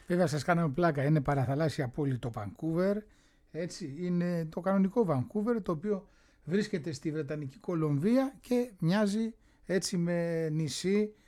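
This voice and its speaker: Joking male radio co-host. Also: on the high side. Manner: joking, excitable interjections. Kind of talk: casual chat.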